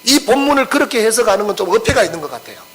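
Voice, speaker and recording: A man's voice: high voice, sing-song, racing, a bit bright, rough recording. A pastor preaching an expository sermon. He acts out the scripture quotes and keeps asking the congregation questions.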